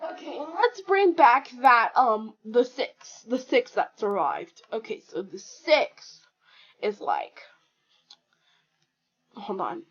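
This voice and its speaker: Slow, giggly woman rambling while drawing. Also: fairly high pitch, big pitch swings, a bit bright, slightly rough, highs cut off. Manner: rambling, giggly, improvising a silly story aloud. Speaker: drawing video creator. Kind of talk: casual narration while drawing.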